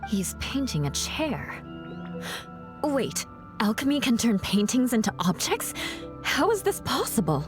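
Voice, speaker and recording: A woman's voice: on the high side, big pitch swings, music in the background. Composed, formal woman knight. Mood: astonished. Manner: formal, measured wording, commanding. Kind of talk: anime-style video game voice acting.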